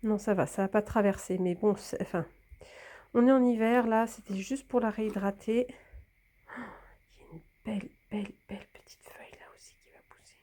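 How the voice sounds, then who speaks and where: While filming herself working on a hanging plant, a woman gives casual hands-on narration, frequently slipping into whispers and sounding a bit stuffed up from a cold. Her mid-range, mellow voice has fairly even intonation, moves fairly quickly, and pauses often.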